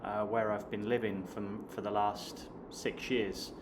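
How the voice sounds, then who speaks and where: A man in his late thirties from Hampshire in the south of England, with a southern English accent, is an online English teacher and vlogger chatting casually to camera and calling his viewers "guys." His lowish voice stays level at a measured pace. Background noise is clearly audible.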